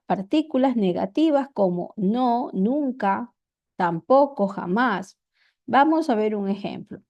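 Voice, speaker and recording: A woman teacher with an Ecuadorian accent, explaining grammar slowly and deliberately, repeating her examples. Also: on the high side, dark tone. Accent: Ecuadorian Spanish.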